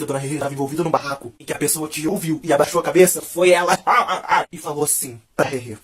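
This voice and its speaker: A young man telling comic stories from his life in a lively vlog style. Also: a little high. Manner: rapid, animated, dramatic pauses. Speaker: storyteller.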